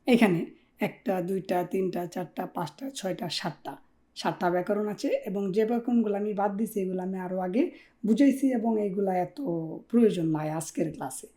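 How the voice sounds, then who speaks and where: A mellow, warm-toned woman runs a Korean language lesson. She drills each word by repeating it and keeps stopping to check that her students follow. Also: medium pitch. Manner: checks in often with rhetorical questions; drills words by repeating them. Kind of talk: classroom explanation.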